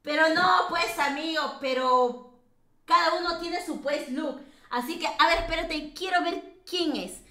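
Her voice very high-pitched and sharp, a Peruvian streamer talks a little slowly as she plays, joking, teasing, and laughing with lots of fillers. The recording sounds roomy, and her accent is Peruvian Spanish.

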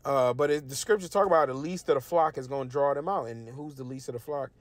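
A man teaching scripture in a casual, emphatic way, reading verses aloud and often checking in with a quick "right?". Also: medium pitch, no echo. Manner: conversational and emphatic, often tags questions with "right?". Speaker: Bible teacher.

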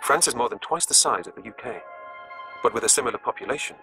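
A man with a British accent narrating a scripted nature documentary with measured, deliberate phrasing. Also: mid-range voice, lively intonation. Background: music.

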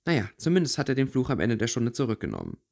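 A man's voice: medium pitch, huge pitch swings, quick pace, vocal fry, a little mellow, full character voice. A man voicing a worried, caring teenage schoolgirl in a read-aloud fantasy fanfiction audiobook. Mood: worried chatter. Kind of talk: audiobook character voice.

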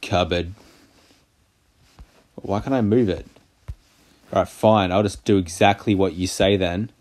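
A man's voice: low voice, fairly even intonation, unhurried, a little mellow. A man doing casual gameplay commentary, sarcastic and crude, mocking the game. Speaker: gaming channel host. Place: voice-over of a mobile game.

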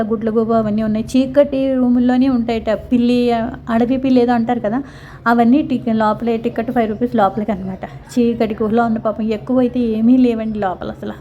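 A woman's voice: fairly high pitch, dark tone, dull audio, slight background noise. A woman vlogger chatting casually and sympathetically, rambling with frequent restarts. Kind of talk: casual vlog voice-over.

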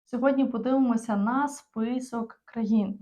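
A woman from Ukraine, an English teacher giving an online lesson, explaining patiently and slowing down for example phrases. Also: a little high, fairly even intonation, dark tone. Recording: dull, muffled lo-fi recording.

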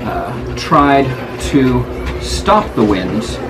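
Animated theatrical man over heavy background noise. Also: medium pitch, extremely slow. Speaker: wand ceremony master at a Renaissance fair. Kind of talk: improvised fantasy lore patter for visitors. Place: open-sided wooden booth in the woods at a fair. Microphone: camera a few steps away. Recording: noisy, distant outdoor camera recording. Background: loud ambient fairground noise.

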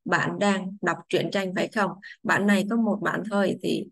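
A woman's voice: on the low side, steady tone, vocal fry, no room sound. Woman teaching children. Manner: patient, repeats English phrases slowly, then translates. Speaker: English teacher. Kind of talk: explaining grammar to children.

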